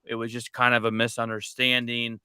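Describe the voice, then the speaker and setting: Bright, crisp-voiced male podcast host. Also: medium pitch, monotone, moderate pace, no echo, studio quality. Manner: conversational, often restarts phrases. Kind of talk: casual sports chat.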